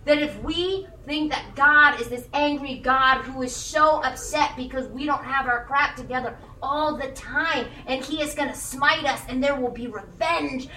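A woman in her thirties preaching a sermon in a casual, animated way, with sudden excited shouts. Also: sits high, measured pace, few pauses, a little hiss or hum. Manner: animated, conversational, bursts of shouting. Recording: echoey room heard from a distance.

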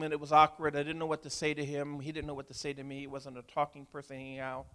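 A man in his sixties, a preacher, telling a heartfelt story in a sermon, swinging from hushed to loud. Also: a little high. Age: 60s. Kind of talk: emotional sermon testimony.

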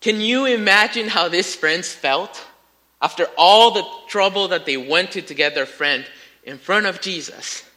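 Male preacher, sermon, animated storytelling, high voice, piercingly bright tone. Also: a little slow. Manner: animated storytelling, rising to near-shouts in acted quotes; addresses listeners as friends.

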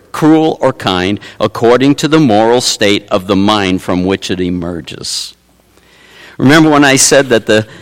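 A man preaching a sermon as pastor, swinging from hushed asides to loud exclamations. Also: mid-range voice. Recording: long reverb of a large hall.

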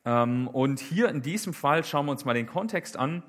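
A man's voice: mid-range voice, lively intonation, moderate pace, fairly bright tone. A man preaching a casual sermon in a conversational way, with many fillers and rhetorical questions.

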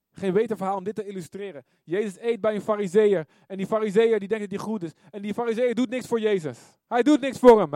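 Male preacher, high voice, dry close sound, lively, punctuates with amen. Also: no room sound. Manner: lively, often asks "ja toch?" and calls "amen". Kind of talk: sermon.

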